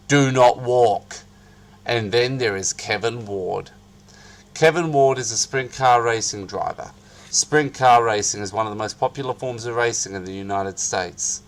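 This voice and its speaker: A man narrating an article as a dramatic reading, with theatrical, hammy emphasis and drawn-out key phrases. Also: on the low side.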